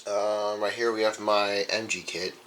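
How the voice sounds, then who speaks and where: The audio is poor, with some background noise, as a young radio collector casually rambles about his collection inside a room. His voice is lowish and fairly bright, with little pitch movement and a measured pace.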